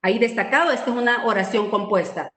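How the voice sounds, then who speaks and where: A writing and spelling instructor from El Salvador teaches a spelling and grammar lesson to her class over a video call, explaining patiently and checking in with students. Her fairly high, fairly bright voice moves quickly, and the sound is roomy.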